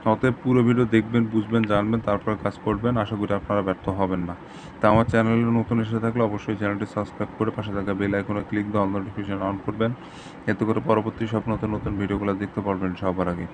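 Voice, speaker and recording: A man hosting a channel, giving step-by-step ritual instructions in a steady, repetitive way. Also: lowish voice, quick pace, noisy background. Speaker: tantric channel host. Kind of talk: instructional talk to camera.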